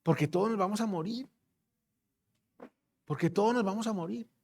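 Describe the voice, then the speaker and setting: A man's voice: high-pitched, normal speed, a little mellow. A man preaching a sermon, emphatic, repeating his phrases and putting questions straight to the congregation.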